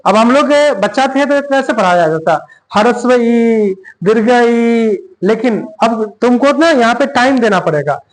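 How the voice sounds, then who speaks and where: A male teacher giving a grammar lesson, dictating slowly and repeating phrases word by word. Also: extremely high pitch, lively intonation.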